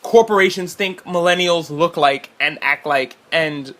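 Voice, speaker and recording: A man with a high, bright, ringing voice talks his way through a games showcase recap. He rambles casually, glances at his notes and swears without thinking about it. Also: measured pace. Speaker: co-host. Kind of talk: casual game-showcase reaction chat.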